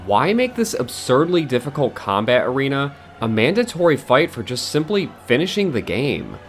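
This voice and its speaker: A man's voice: medium pitch, sing-song, moderate pace, faint music behind. A man giving a scripted, blunt and exasperated game critique as a video essayist, swearing now and then.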